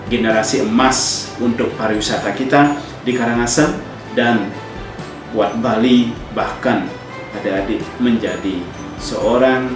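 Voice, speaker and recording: A man gives an earnest, motivational instructional talk to students, exhorting them with repetitive phrasing. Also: medium pitch. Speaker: tourism speaker addressing hospitality students. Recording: very echoey, distant mic, music behind. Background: background music.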